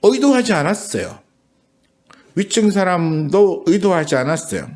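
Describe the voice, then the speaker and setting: A middle-aged man preaching a sermon as a pastor, in an easy conversational way with many pauses and filler sounds. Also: sits high, very animated, darkish tone.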